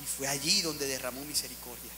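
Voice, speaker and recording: A man preaching a sermon to his church, with big swings in loudness as he acts out the people in the story. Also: mid-range voice, fairly quick, long reverb tail, soft background music. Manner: preaching with dramatic swings, acting out Bible characters. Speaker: pastor.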